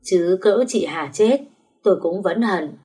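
A woman's voice: lowish voice, a little slow, dark tone. A woman narrating a first-person story.

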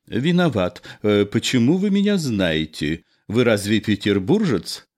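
A man's voice: on the low side, very animated, measured pace, darkish tone. A lyrical, theatrical old actor, performed by a male reader. He drawls and declaims with sweeping rises and falls, savoring every word.

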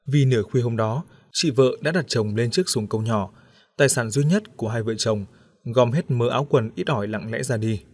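A man narrating an audiobook story in a steady, even storytelling manner. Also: medium pitch.

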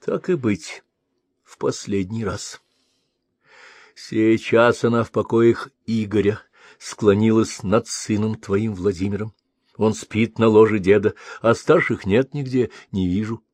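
A male reader voicing a gentle, wise three-eyed female spirit seer who soothes and prophesies. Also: lowish voice, fairly even intonation, a little slow, no echo, studio quality. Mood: soothing.

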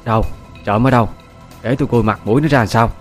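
A man's voice: mid-range voice, fast, soft background music, close to an everyday voice. A man voicing a harsh, suspicious older mother-in-law, who scolds and accuses. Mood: scolding. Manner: scolding, accusing, sharp-tongued.

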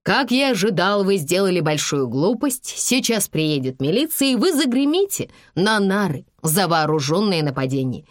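A woman reading aloud and voicing a male lawyer boss who speaks in a brisk, commanding way. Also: lowish voice, sing-song, no echo, clean studio sound. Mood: triumphant.

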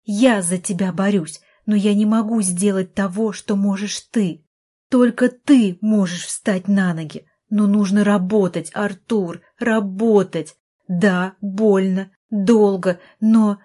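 Give me a woman voicing a desperate sister who scolds at full volume, warm and mellow. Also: mid-range voice, steady tone, slow pace. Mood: pleading. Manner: shouting, pleading reproach. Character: furious desperate young woman, doctor's sister.

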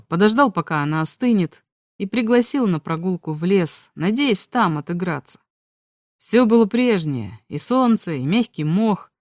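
A woman reading a novel aloud as an audiobook, telling a first-person story in a calm, even way. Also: fairly low pitch, dry recording, clean studio sound. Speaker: audiobook reader. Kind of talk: scripted narration of a novel.

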